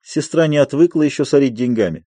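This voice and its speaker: A man voicing an older noble gentleman who grumbles dryly, in an audiobook of a play. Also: medium pitch, fast, no room sound, pitched above the performer's own voice, natural voice. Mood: grumbling.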